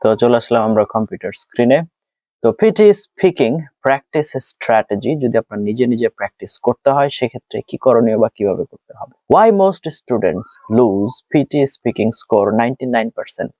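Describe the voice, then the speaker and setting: A Bangladeshi man giving a screen-share lesson on test speaking tips, talking quickly in Bengali and slowly and deliberately in English. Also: mid-range voice, expressive, a little mellow, dry recording, highs cut off. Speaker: test prep teacher.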